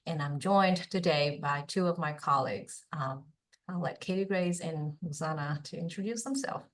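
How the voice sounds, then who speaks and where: A woman's voice: low-pitched, normal speed. A woman who is an associate director of international student services, introducing colleagues politely with some hesitant uhs. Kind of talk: webinar introduction.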